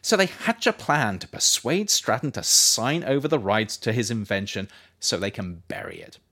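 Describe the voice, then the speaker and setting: In this nonfiction audiobook, the male author serves as narrator, stressing key phrases expressively. His delivery stays measured and scripted while his pitch rises and falls in a lively, wide-ranging way.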